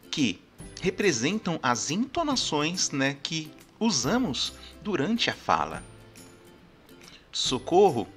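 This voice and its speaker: A man's voice: on the high side, fairly bright tone. A man teaching a grammar lesson, explaining step by step and often checking in with his listeners. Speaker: language teacher.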